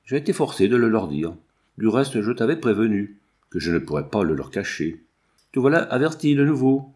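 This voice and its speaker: A man's voice: lowish voice, big pitch swings, moderate pace, a little mellow. A man reading the part of an ironic, worldly husband who lectures his friend, in an audiobook character reading. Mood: warning. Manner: teasing, lecturing, lightly ironic.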